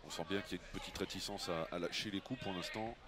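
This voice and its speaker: A man's voice: deep voice, fast, over a noisy crowd. A man hosting live boxing commentary in a conversational style. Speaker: TV sports commentator and host. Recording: loud music behind live commentary.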